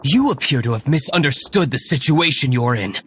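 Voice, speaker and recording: A man's voice: medium pitch, expressive, fairly quick, background noise, lightly acted. A man playing a cool, menacing aristocratic young hero in a video game, stern and formal. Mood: cold, threatening. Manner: stern, formal, coolly commanding.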